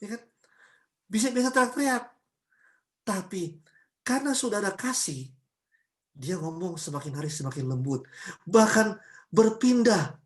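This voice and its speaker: A woman pastor from Ambon giving a sermon at a church service, chatty and lively, full of homely examples and rhetorical questions. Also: mid-range voice, a little slow, pauses often. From Ambon, Indonesia.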